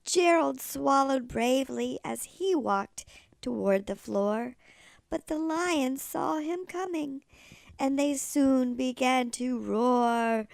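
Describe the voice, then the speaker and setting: A woman reads a picture book like a sweet old lady, in a high voice with plenty of creak. She goes slowly through the rhymes. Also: no echo. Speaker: storybook reader. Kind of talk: children's storybook read-aloud.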